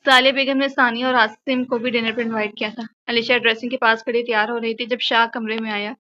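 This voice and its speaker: Bright, high-voiced woman narrator. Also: level tone, quick pace, lo-fi sound. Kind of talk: audio novel narration.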